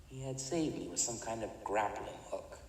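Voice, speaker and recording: For an audio drama, a man with a lowish, darkish, natural voice plays a cold, remorseless older villain, an imprisoned mad chemist who committed crimes. He speaks in a measured, haughty, matter-of-fact way, sounding distant in an echoey, reverberant room with faint noise.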